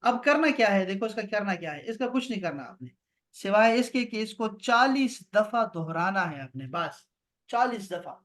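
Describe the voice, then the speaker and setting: Man, language teacher, online class, high-pitched, slow repetition of words. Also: expressive, fairly bright tone. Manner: explains and repeats words slowly for students. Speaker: Arabic grammar teacher. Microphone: video call.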